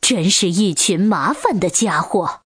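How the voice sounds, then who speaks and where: A woman's voice: lowish voice, animated, unhurried, slightly rough, no room sound, studio quality, exaggerated voice. A woman voicing a greedy, menacing male gorgosaurus in a children's storybook, talking with a sneer.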